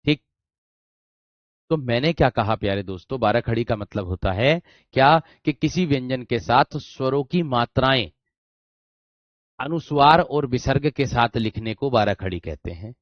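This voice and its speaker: A man's voice: medium pitch, moderate pace, dry recording, muffled recording. A man teaching a grammar lesson online, repeating key words emphatically and often addressing students as his friends. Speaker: exam-prep teacher.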